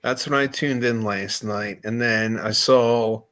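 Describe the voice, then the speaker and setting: Slow-talking wrestling podcast co-host. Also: male voice, lowish voice, fairly even intonation, fairly bright tone. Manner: short agreeing replies between unhurried remarks. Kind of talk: casual wrestling chat.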